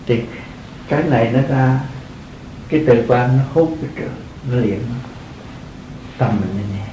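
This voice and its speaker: An older Buddhist monk gives an earnest dharma talk to lay followers, repeating his phrases and chuckling often. His medium-pitched voice is expressive at a moderate pace, recorded in a reverberant space with a noisy background.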